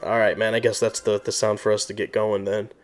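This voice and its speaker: Excitable swearing young man on a sports podcast. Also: on the low side, brisk, soft background music. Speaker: podcast co-host. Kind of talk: casual sports chat.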